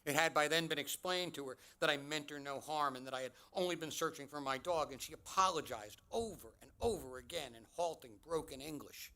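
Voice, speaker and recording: A man giving a commencement address, telling a personal story in a measured, deliberate way with dramatic pauses. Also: on the high side, bright, forceful tone. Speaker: commencement speaker.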